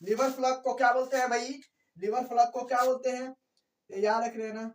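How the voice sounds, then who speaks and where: A woman teaching a biology class, her voice a little high, repeating each point and quizzing the room with rhetorical questions. She sits some way from the microphone in an echoey room, so the sound is distant and roomy. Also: fairly even intonation, normal speed. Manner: repetitive, keeps asking rhetorical questions; mixes in English terms. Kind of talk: classroom lecture. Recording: echoey room, far from the mic.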